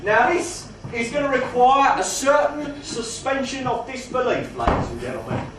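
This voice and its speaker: A man playing a mock-genteel, faintly menacing gangster compère, delivering comic stage patter with grand words and drawn-out emphasis. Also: very high voice, huge pitch swings, a bit bright, heavily acted. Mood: coaxing. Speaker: burlesque show compère in comedy double act. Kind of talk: live comedy patter addressed to audience. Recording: roomy live venue, distant mic, faint noise.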